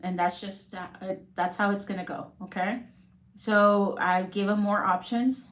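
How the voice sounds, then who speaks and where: A woman's voice: medium pitch, fairly even intonation, unhurried. A woman who works as a real estate agent, talking in a casual, rambling way on a live stream and often checking in with "okay?". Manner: rambling, keeps adding "okay?". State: coughing.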